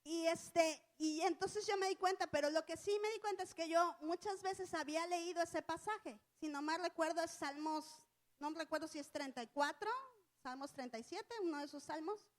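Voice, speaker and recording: Very high-voiced woman teaching. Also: moderate pace. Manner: conversational, storytelling with colloquial asides. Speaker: church teacher. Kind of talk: casual church teaching with personal story.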